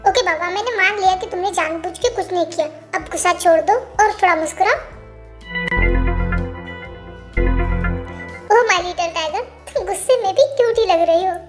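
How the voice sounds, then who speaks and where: Girl doing a sweet caring young guy, talks soft and low-key, light music in back. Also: fast talker, few pauses. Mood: tender. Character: young man, gentle protective boyfriend.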